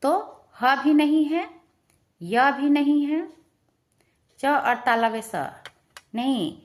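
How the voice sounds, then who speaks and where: Speaking extremely slowly in a high voice, this woman takes her students through a grammar lesson. She patiently says each question and answer twice over and keeps checking that the class is following.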